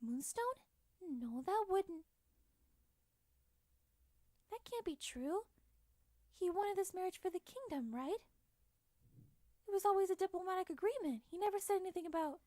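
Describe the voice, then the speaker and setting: Woman as a very high, gentle pony princess. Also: expressive, normal speed, long pauses, no echo, studio quality. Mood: flustered. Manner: soft-hearted, hesitant and earnest. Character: gentle, shy, kindly young pony princess.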